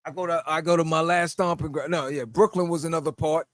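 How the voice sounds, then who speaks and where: A fast talker with a steady tone on the high side, this middle-aged New York podcast host casually relates stories while laughing and mimicking quoted voices. The studio sound is clean, with no room sound.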